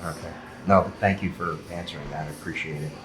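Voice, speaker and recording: Lower-voiced male interviewer, rephrasing questions. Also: fairly even intonation, fairly quick, roomy sound, noisy background. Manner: searching, rephrases questions as he goes. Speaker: interviewer, podcast host. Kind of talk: conversational interview.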